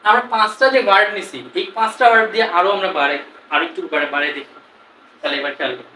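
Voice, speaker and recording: A man's voice: high voice, pushed and bright. A man teaching a class, drilling phrases call-and-response and coaxing students to repeat after him. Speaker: English teacher. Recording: roomy echo from far off, light hiss.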